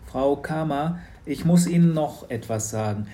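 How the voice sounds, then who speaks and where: A man's voice: on the high side, lively intonation, measured pace, mellow, a little hiss or hum, pitched above the performer's own voice. Storybook boy, earnest and a little nervous, speaking up in a raised, pleading voice, as a man puts him on. He sounds sincere and anxious to be believed.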